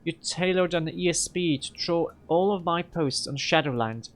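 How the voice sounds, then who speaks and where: A man's voice: on the high side, moderate pace, pitched above the performer's own voice, lightly acted. A man reading a game aloud and voicing a feisty young woman decker whose small voice turns raucous. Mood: angry.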